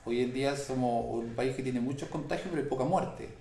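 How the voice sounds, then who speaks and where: A man, a pastor in an earnest Bible study conversation who slows down to stress scripture. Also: medium pitch, dark tone, a little hiss or hum. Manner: earnest, slows and stresses key phrases when quoting scripture. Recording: echoey room.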